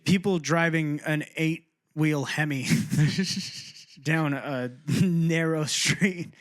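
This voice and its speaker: A man's voice: a little high, fairly even intonation, extremely slow, a bit bright. A man co-hosting a casual podcast, joking around and laughing often. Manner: laughs often, jokey, puts on silly voices. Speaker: podcast co-host.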